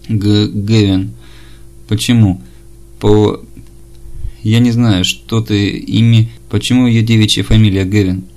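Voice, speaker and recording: A man reading an audiobook chapter, voicing every part in the same measured, level delivery. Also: lowish voice, darkish tone. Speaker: audiobook narrator.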